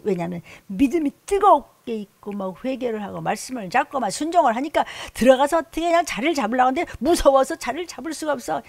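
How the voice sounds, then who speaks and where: A woman's voice: medium pitch, vocal fry, a little mellow, no echo. A middle-aged woman pastor preaching a sermon, emphatic, often acting out scolding voices and inner thoughts.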